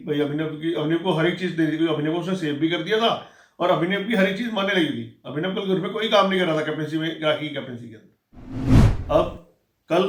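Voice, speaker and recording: A man giving a casual, animated spoken recap of a reality show episode, acting out what the contestants said. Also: a little high, roomy sound. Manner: rapid, animated retelling, acting out quoted lines.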